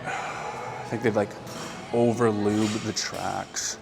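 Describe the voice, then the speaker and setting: A gravelly voice on the low side takes things slowly as a man vlogs in an indoor gym with loud music behind him. Recovering from surgery, this fitness vlogger is winded between sets and talks to himself casually and calmly about his lifts.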